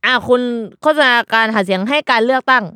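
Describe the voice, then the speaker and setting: A man's voice: very high voice, fast, bright, forceful tone, smooth, no room sound, studio quality. A man co-hosting a casual podcast, teasing his partner with blunt, playful slang. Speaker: podcast co-host. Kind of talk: casual comedic banter.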